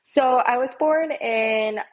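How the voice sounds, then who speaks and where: A woman in her twenties, a podcast guest from the United States, telling her story warmly with many ums. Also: on the high side, slow pace. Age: 20s. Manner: warm, chatty with many fillers. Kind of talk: interview storytelling.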